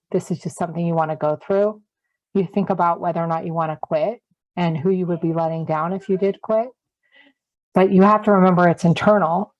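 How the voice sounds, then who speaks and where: Female group coach, lowish voice, earnest and encouraging, dull dry lo-fi audio. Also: darkish tone.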